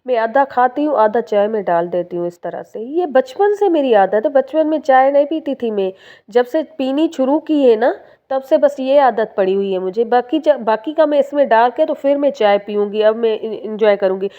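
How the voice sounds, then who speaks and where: A woman's voice: on the high side, animated, normal speed, phone-quality sound. A young woman, from Sindh, chatting to her viewers in a casual home vlog voice-over. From Sindh, Pakistan. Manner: chatty, addresses viewers warmly with fillers. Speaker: home vlogger. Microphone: phone.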